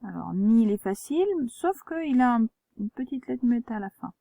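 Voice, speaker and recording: A woman teacher giving a dictation lesson to children, spelling words letter by letter and gently pointing out traps. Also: a little high, sing-song, moderate pace, gravelly, no echo. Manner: gentle, reminding pupils of traps. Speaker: primary school teacher.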